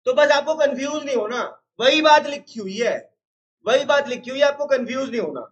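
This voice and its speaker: Guy teaching accounts online, highish voice, keeps telling kids to listen, bit muffled. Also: expressive, brisk. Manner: scolding, teasing students, repeats "suno". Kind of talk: live online class teaching. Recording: slightly dull lo-fi sound.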